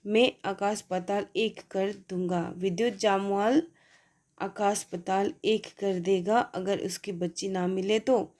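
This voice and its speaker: Very slow-paced Indian woman teacher. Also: mid-range voice, steady tone, darkish tone. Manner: reads English sentences slowly, explains in Hindi. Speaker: English teacher. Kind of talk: spoken English lesson.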